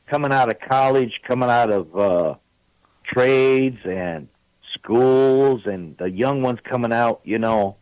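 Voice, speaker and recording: A man in his sixties calls in to a radio show, spinning long, rambling, chatty stories packed with fillers. His voice sits at a medium pitch, and the low-quality recording carries no room sound.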